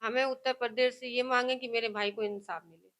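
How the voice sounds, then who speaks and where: A woman's voice: a little high, fairly even intonation, brisk, fairly bright tone. A woman, the victim's sister, speaking emphatically and insistently in a news interview. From Kanpur. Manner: emphatic, insistent, words tumbling out. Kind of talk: news interview and heated argument.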